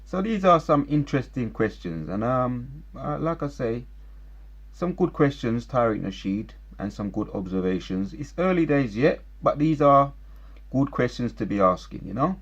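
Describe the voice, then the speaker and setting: A man's voice: mid-range voice, big pitch swings, moderate pace, breathy edge, highs cut off. A man giving casual commentary, earnestly listing plagues and reading Bible verses aloud. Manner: earnest, lists things emphatically, reads scripture aloud. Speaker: commentator citing scripture.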